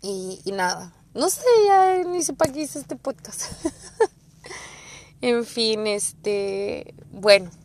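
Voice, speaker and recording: A young woman with a Mexican accent talks slowly in a medium-pitched voice as she hosts a podcast. She tells personal stories in a loose, profane ramble, acting out the people she quotes with animation.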